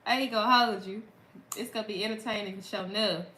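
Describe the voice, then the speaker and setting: A woman's voice: mid-range voice, fairly even intonation, quick pace, sharp tone, echoey room, rough recording. A woman from Mississippi with a Southern accent, chatting casually to her viewers on a livestream and laughing often. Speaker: content creator.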